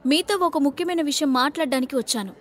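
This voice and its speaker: A woman's voice: high-pitched, fast, close to an everyday voice. A woman voicing an arrogant young rich man who asks for a married woman's hand, speaking over-politely and sure of himself. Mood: smooth, courteous. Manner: overly polite, smooth and self-assured.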